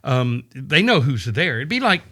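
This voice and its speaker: A man explaining scripture in a casual podcast chat, animated and storytelling, often checking in with "right?". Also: mid-range voice, normal speed. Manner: animated storytelling, acts out quoted voices, frequent "right?" checks. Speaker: podcast guest discussing scripture. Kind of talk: casual conversational Bible teaching.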